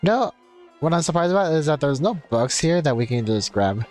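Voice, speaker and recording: A man livestreams a game, chatting casually and rambling while reading game text aloud over game music. His voice is fairly high, very animated and brisk, with a darkish tone.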